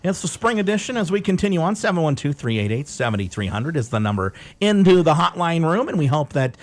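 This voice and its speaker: A man hosting a morning radio show in a studio, reading station info and donation pitches in an upbeat announcer delivery. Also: sing-song, fast talker. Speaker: radio host. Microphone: studio microphone.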